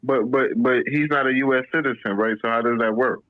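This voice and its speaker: A man's voice: mid-range voice, fairly even intonation, brisk, dry recording. A podcast host asking loose, slangy questions, stumbling and restarting as he goes. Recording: dry tinny phone-like line.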